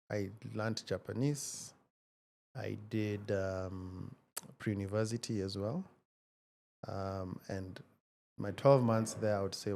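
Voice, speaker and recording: A man in his forties with a low, gravelly voice talks through his story at a measured, thoughtful pace. He pauses often to find his words, and a faint hiss of noise sits under the recording. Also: darkish tone. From Kenya. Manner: measured and reflective, many hesitations. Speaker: guest, tech founder. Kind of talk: casual interview conversation.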